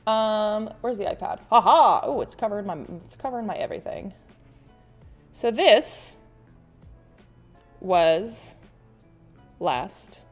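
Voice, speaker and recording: A woman's voice: mid-range voice, animated, slow pace, pauses often. Casting: female livestream host, mid-range voice, playful and exclamatory, loose rambling chat with viewers, music underneath. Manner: playful, exclamatory, reads out comments and reacts; rambling, often self-interrupting.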